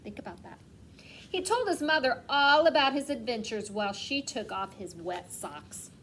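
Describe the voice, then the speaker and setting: Reading a picture book the way a kindergarten teacher would, a woman with a higher-than-average voice draws out key words for expressive effect. She keeps asking the children questions, leaving gaps as if they respond, and the recording is clean of background noise.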